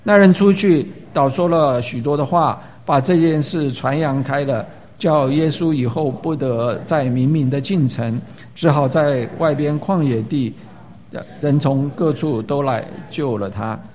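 A man's voice: mid-range voice, measured pace, darkish tone. Emphatic man preaching a sermon. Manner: emphatic, rising for stress, with frequent filler hesitations. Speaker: pastor. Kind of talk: sermon with scripture reading and prayer.

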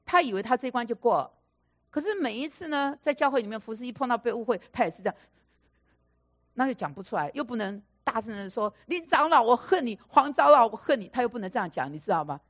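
This woman speaks fast with a fairly high pitch, preaching a sermon through stories. She performs the quoted dialogue with animation and uses repeated phrases for emphasis.

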